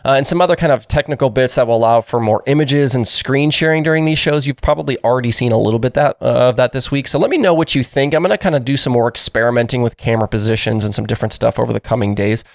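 Congested man, racing news host, brisk informal delivery, dry close sound. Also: mid-range voice, gravelly, dry recording. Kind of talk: daily racing news show. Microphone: new microphone.

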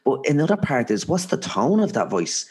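A man's voice: medium pitch, very animated, moderate pace, darkish tone. Irish guy on a podcast talking self-help, medium voice, earnest and emphatic, repeats himself for stress. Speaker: podcast guest, author and speaker. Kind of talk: conversational motivational interview.

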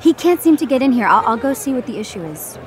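Give me a woman doing a hesitant young singer with a high voice in an audio drama. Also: very animated, fast talker, music in the background. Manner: hesitant, stammering. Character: young female singer torn and emotional. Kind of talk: audio drama acting and narration.

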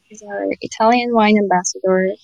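A woman moderating an online audio room, briskly bringing audience members up to ask questions. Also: mid-range voice, steady tone, a little mellow, dry recording, highs cut off.

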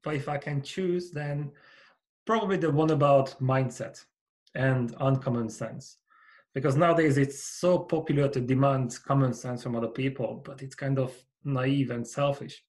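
On a podcast interview, a Hungarian company founder and coach talks earnestly as a guest, his Hungarian accent clear and his phrases trailing off. The voice is mid-range and darkish, with a steady tone at a moderate pace.

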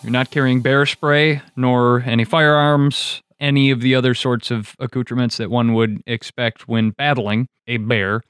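A man's voice: medium pitch, steady tone, moderate pace, few pauses, a bit bright, clear, resonant tone, no room sound. A man hosting a show, mixing casual chat with scripted narration and dry, wry humor. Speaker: podcast host.

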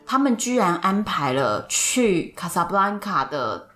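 A woman with a Taiwanese Mandarin accent hosting a podcast, telling a story in lively casual chat and laughing often. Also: lowish voice, measured pace, soft background music. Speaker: podcast host.

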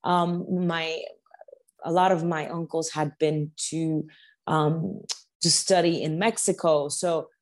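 A woman's voice: low-pitched, fairly even intonation, slow pace. A middle-aged woman from the United States, talking casually as an interview guest, with many restarts and repeated words.

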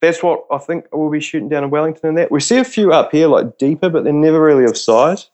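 A man's voice: on the high side, fast, a little mellow. A man with a broad New Zealand accent, chatting casually as a podcast guest in a laid-back, slangy, jokey way. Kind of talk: casual interview chat.

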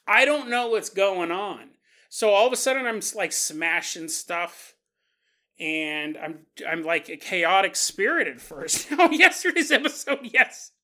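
A man's voice: high-pitched, unhurried, pushed and bright. A man hosting a podcast, rambling through a comic monologue and often laughing mid-sentence. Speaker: podcast host.

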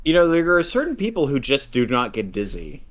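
A man's voice: mid-range voice, huge pitch swings, a little fast, fairly bright tone. A man co-hosting a podcast in casual chat, rambling with lots of fillers and dry jokes. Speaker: podcast co-host.

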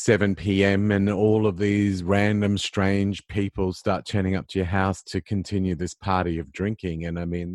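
A man's voice: sits low, no room sound, studio quality. A man hosting an interview podcast, introducing his guest and responding to her with effusive, affirming remarks. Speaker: podcast host.

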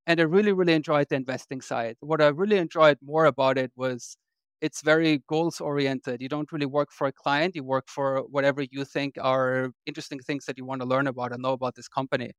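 Smooth-voiced man from Austria. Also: medium pitch, dry recording, studio quality. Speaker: guest investor. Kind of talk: podcast interview.

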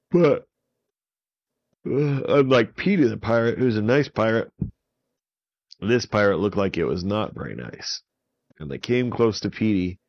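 A man telling a children's pirate story in a relaxed, improvised way, often repeating words for effect. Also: lowish voice, highs cut off.

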